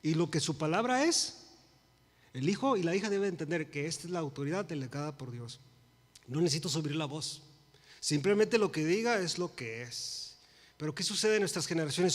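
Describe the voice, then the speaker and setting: A man in his forties preaching a sermon, swinging from loud emphasis to hushed pleas and dropping English phrases into his Spanish. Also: high voice, long reverb tail. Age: 40s. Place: church sanctuary.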